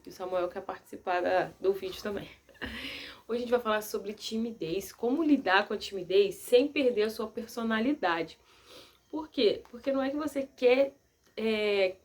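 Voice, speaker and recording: A young woman vlogger giving casual advice to the camera, soft-spoken, gentle and earnest. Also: fairly high pitch.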